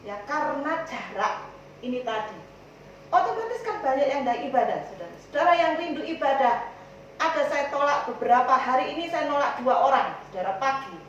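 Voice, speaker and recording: A high-pitched woman pastor with an East Javanese accent, talking chattily to her congregation and slipping into little acted-out conversations. She is heard from a distance in a strongly echoing church hall, the sound a bit dull, with faint room ambience behind her. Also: sing-song, brisk, a little hiss or hum. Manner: chatty, addresses listeners as "saudara" constantly, acts out dialogues. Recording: echoey church hall from far off.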